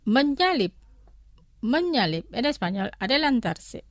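Slow, deliberate woman language teacher. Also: on the high side, big pitch swings, dry recording, studio quality. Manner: slow, deliberate, repeats each word twice. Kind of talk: slow, repeat-after-me language lesson.

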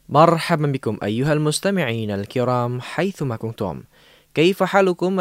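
A man's voice: medium pitch, clear, resonant tone, no echo. A man from Indonesia presenting a scripted radio programme and reading the news.

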